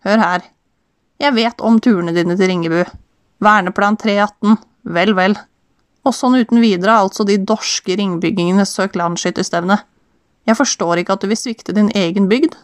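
Smug local businessman, smooth and patronizing, dry close read, voiced by a woman. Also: medium pitch, no echo, close to an everyday voice.

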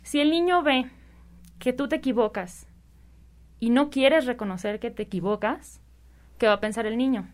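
A woman's voice: on the high side, moderate pace, long pauses. A woman talking about parenting in a casual conversation, rambling and checking in with tag questions. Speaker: parenting speaker.

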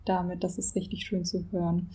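A woman's voice: lowish voice, little pitch movement, brisk, mellow. A woman interviewing a guest, asking searching questions in an encouraging way with frequent hesitations. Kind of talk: conversational interview.

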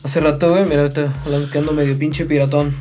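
A man's voice: fairly high pitch, level tone, very fast, warm tone, soft background music. A man with a Mexican accent, co-hosting a casual podcast chat, slangy and rambling with lots of fillers. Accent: Mexican Spanish. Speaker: podcast co-host.

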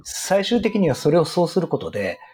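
A middle-aged man with a husky, rough voice explains business strategy in an interview in an earnest, emphatic way. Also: on the high side, big pitch swings, a little fast, a little mellow, a little hiss or hum. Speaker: retail business guest expert.

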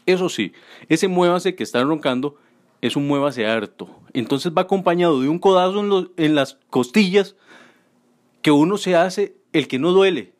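A man's voice: a little high, expressive, normal speed. A man around forty, doing a crude, self-mocking stand-up comedy monologue.

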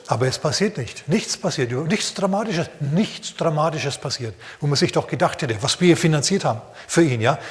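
A man preaching a sermon, telling the story in a lively way with playful asides and sound effects. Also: mid-range voice, long reverb tail. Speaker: pastor.

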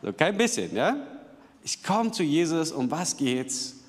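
A man's voice: a little high, measured pace. A man preaching a sermon in a casual, conversational way, often turning to the congregation with questions. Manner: lively, conversational, asks the audience questions. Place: church hall. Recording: long hall reverb.

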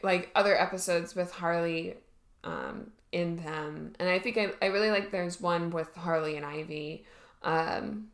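A woman's voice: on the low side, fairly bright tone. A woman co-hosting a podcast, chatting casually with a hesitant delivery full of fillers and restarts. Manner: hesitant, many fillers and restarts, laughs often. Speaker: podcast co-host. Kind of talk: casual chat. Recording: roomy echo.

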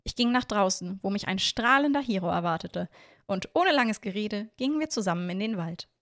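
A woman narrating a first-person storybook in an even, measured way. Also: medium pitch, no room sound, studio quality. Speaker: audiobook narrator.

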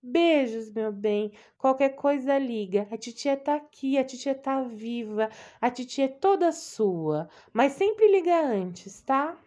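A high, gushing older aunt, doting and bossy, who scolds and fusses over her niece on the phone, as a woman puts her on. Her voice rides well above a plain speaking pitch, showering endearments between reproaches. It sounds like a storybook reading. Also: lively intonation, takes it slowly, hardly any pauses, dark tone, highs cut off. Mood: fussy.

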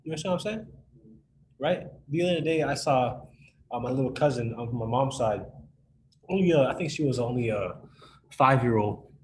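A man leads a relaxed Bible study for a room of listeners. His voice sits at a middle pitch, and he keeps asking whether they follow him. There is faint noise behind him. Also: moderate pace, long pauses, poor audio. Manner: casual, checks in with listeners often. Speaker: youth Bible study leader. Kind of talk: informal Bible teaching to a group.

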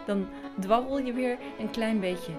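A woman gives spoken music commentary, telling it in an expressive, illustrative storytelling way. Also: fairly high pitch, measured pace. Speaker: string quartet musician presenting a music podcast.

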